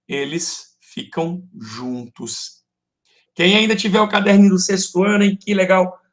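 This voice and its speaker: Slow, affectionate Brazilian male teacher. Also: on the high side, a bit bright. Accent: Brazilian Portuguese. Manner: affectionate, calls students "love" and "folks"; patient, explaining step by step. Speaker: Portuguese teacher. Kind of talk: online class lecture.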